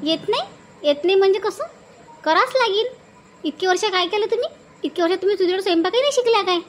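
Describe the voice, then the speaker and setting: A woman's voice: very high-pitched, lively intonation, fast, a little hiss or hum. A woman playing a bossy village woman who keeps nagging her sister-in-law in a comedy skit. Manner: insistent, scolding, repeats urgings. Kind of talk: comedy sketch acting.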